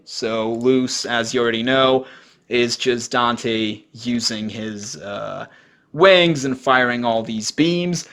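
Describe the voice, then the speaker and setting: A man's voice: medium pitch, a bit bright. A man giving casual voice-over commentary on game footage, talking informally and rambling with plenty of fillers and the odd swear. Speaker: gaming video creator.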